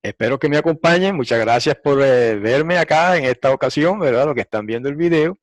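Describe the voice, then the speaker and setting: Man, Bible teacher, recorded lesson, explains and repeats, mid-pitched voice, dry sound. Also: expressive, brisk, dry recording. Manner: explanatory, repeats points for emphasis; frequent throat clearing and fillers.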